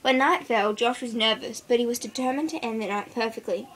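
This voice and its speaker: Giggling as she goes, a young woman reads a school story to her friends and keeps pausing to joke with them. The recording, made at home, is noticeably noisy. She speaks briskly with a fairly bright, somewhat high voice.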